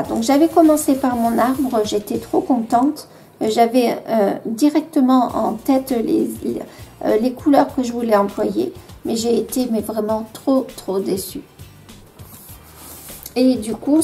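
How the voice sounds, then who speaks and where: Femme française, voix douce et feutrée, musique légère. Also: female voice, fairly high pitch, unhurried, dark tone, soft background music. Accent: French. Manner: hesitant, many fillers, self-deprecating. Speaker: vlogger showing her coloring books. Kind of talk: casual show-and-tell.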